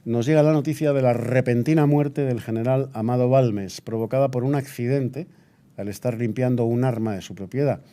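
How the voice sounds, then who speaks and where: Reading a formal, declamatory bulletin in a scripted period radio news piece, a man plays a solemn and indignant Spanish radio newsreader from 1936. His voice is mid-range and mellow, close to an everyday speaking voice.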